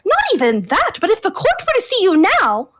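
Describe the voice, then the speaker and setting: A woman's voice: high-pitched, very animated, normal speed. A woman voicing a proper young female dog from a noble house, scolding and indignant. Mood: worried.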